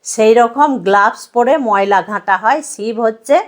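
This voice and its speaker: A woman's voice: a little high, normal speed. A woman giving a devotional sermon, stressing her points in repeated parallel phrases and asking her listeners rhetorical questions. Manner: repetitive emphatic preaching lists. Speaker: religious speaker.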